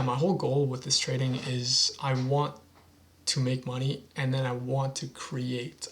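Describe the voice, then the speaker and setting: A man's voice: mid-range voice, fairly bright tone. A young man in a casual talking-head vlog, speaking earnestly and rambling with frequent restarts as he motivates himself. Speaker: vlogger.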